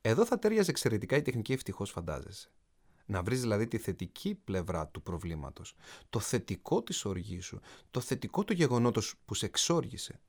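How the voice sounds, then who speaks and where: A man's voice: fairly low pitch, big pitch swings. A man, an author and coach, narrating a self-help audiobook in an emphatic way, speaking straight to the listener. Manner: emphatic, addresses the listener directly.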